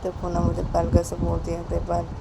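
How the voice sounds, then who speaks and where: A woman casually narrating a romance story in a low-key, loose, repetitive way. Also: monotone, brisk, vocal fry, heavy background noise.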